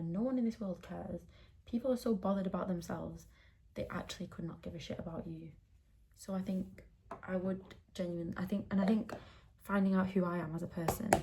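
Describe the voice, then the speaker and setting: Getting ready indoors at home, a young woman chats openly as she does her makeup, her low, gravelly voice wandering through lots of filler words. Background noise can be heard.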